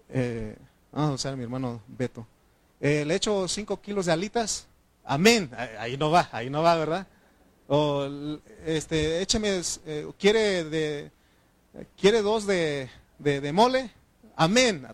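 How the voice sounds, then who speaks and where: A male preacher delivers a sermon in a voice set somewhat high for a man. He calls out to the congregation with questions and repeated responses, and he swings from quiet asides into loud, shouted bursts. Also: dry recording.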